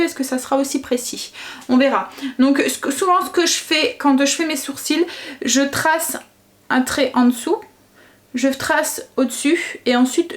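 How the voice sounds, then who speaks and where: With a high voice, a vlogging mother chats casually through her makeup routine, calling out each step with little interjections. She often self-corrects mid-sentence, trailing off and restarting.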